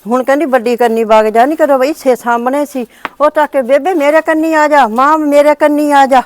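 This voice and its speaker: A woman's voice: sits high, steady tone, fairly quick, a little hiss or hum, close to an everyday voice. A woman playing a sick, aggrieved old mother-in-law who complains and calls on God. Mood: lamenting. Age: older. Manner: lamenting, complaining, appeals to God. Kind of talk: village short-drama acting.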